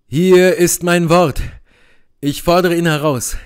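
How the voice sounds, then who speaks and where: A man's voice: fairly high pitch, fairly even intonation, slow, smooth, pitched above the performer's own voice. A man voicing Benedikt, earnest young nobleman. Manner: earnest, vowing declarations. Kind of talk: audiobook character reading.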